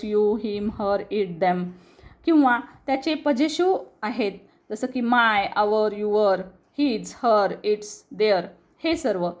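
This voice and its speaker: A woman with a Marathi accent, teaching English reading to students and slowly repeating each word for them. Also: high voice. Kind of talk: explaining a lesson on screen.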